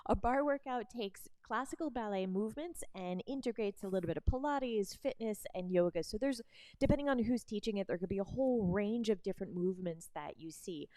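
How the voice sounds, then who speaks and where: Woman, barre instructor, mellow tone, dry close sound, encouraging, laughs easily. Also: medium pitch, dry recording. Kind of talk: demonstration class explanation.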